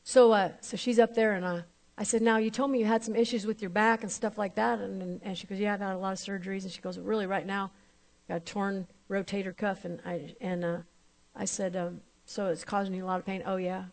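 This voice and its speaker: A woman's voice: medium pitch, level tone, brisk, gravelly. Woman, minister, sermon testimony, storytelling, voices both sides of the talk.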